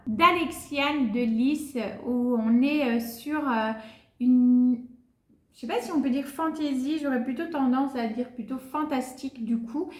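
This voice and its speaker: Woman, high voice, hesitant fillers, casual book vlog, echoey room. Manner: hesitant, many "euh" fillers. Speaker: book vlogger.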